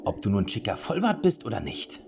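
A man's voice: on the low side, huge pitch swings, fairly quick, vocal fry, lo-fi sound, voice pushed up, full character voice. A man voicing a young male hero who stammers through awkward excuses, reading a storybook. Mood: determined. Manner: stammering, sheepish.

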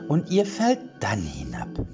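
A man's voice: wildly swooping pitch, slow pace, lo-fi sound, over music, exaggerated voice. A man voicing a cruel, gleeful female witch in a fairy-tale audiobook, taunting and theatrical. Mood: gloating glee. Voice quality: high, sing-song and cackling.

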